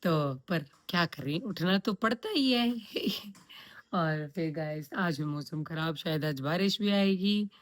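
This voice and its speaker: A woman's voice: fairly low pitch, takes it slowly. Brief: female daily vlogger, chatty storyteller, casual phone-camera talk mixing in English words. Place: home, then office.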